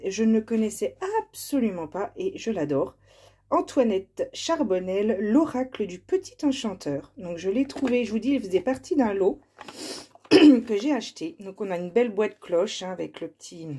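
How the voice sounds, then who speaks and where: Soft, slow-talking hoarse woman. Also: medium pitch. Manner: slow and soft-spoken, reads card titles aloud. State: slightly hoarse. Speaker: card reader presenting oracle decks. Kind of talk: casual show-and-tell with card readings.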